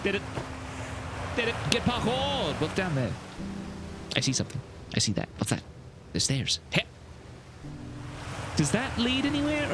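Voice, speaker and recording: A man streams a video game live, chatting to himself and his viewers in a playful, exclamatory way. His voice sits a little high and swings widely up and down, with a faint hiss of noise underneath. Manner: playful, talks to himself and chat, exclaims often. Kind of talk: live gameplay commentary.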